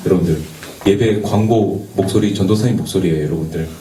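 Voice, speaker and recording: A youth pastor preaches a sermon in a church worship space, his low, mellow voice moving briskly. He speaks earnestly, asks the young people rhetorical questions, and sometimes stumbles over his words and jokes about it. The recording is echoey, distant, and carries faint background noise.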